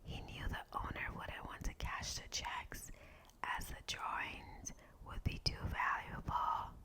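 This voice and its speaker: A woman whispering in a breathy, unvoiced ASMR style as she hosts and reads out short facts. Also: a little slow. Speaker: ASMR video host.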